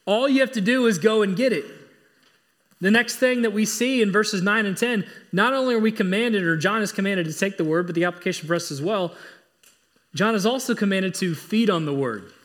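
A pastor preaching a sermon, earnest and emphatic, driving points home through repetition. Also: male voice, high-pitched, a little fast.

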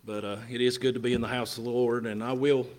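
A man's voice: medium pitch, level tone, fast talker, darkish tone, a little hiss or hum. A man giving an informal sermon and Bible lesson at a pulpit microphone in a church sanctuary. He speaks plainly, with many fillers and restarts. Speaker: guest preacher.

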